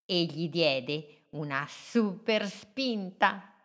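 A woman reads a children's storybook aloud. Her voice sits low, she reads very slowly, and she gives the words a gentle, expressive lilt.

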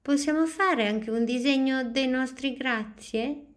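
A woman's voice: high voice, unhurried, voice pushed up. A woman voicing a small, curious, slightly anxious girl in a children's story, asking eager childlike questions.

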